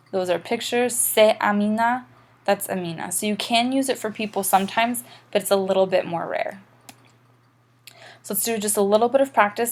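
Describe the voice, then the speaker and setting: A woman's voice: mid-range voice, darkish tone. Woman teacher, patient explainer, mid-range voice, recorded lesson. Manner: patient, explanatory, spells out examples slowly. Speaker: French teacher.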